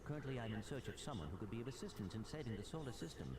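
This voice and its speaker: A man's voice: mid-range voice, expressive, very fast, a little mellow, natural voice. A man voicing a polite small robot sidekick who speaks in formal, proper diction.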